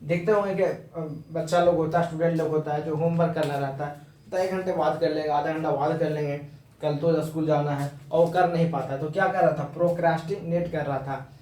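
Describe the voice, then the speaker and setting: A man's voice: on the high side, fairly even intonation, darkish tone, recorded from a distance, slight background noise. Man teaching words in an echoey room. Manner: explains slowly in Hindi mixed with English, repeating words and spelling them out. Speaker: English vocabulary teacher. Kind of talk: informal vocabulary lesson.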